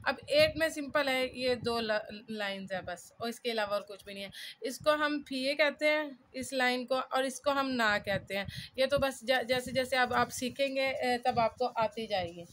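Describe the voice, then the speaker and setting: In a cluttered room at home, a woman studying on her own talks through her notes while writing characters, giving a casual self-made lesson. She's chatty, thinks aloud, and keeps checking in with listeners, her voice high-pitched and a bit bright.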